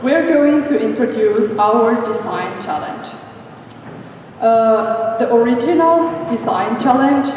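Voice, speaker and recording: A woman's voice: a little high, a little mellow, slight background noise. A young woman with a French accent, speaking as a student presenter in a school team presentation. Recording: echoey hall, voice from far off.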